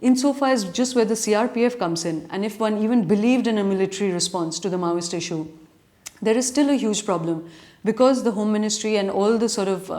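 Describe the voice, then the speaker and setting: Responding to readers' questions as spoken editorial commentary, this woman has a mid-range, slightly mellow voice. She's a journalist whose educated urban Indian accent carries earnest, argumentative points built into long, thought-out sentences.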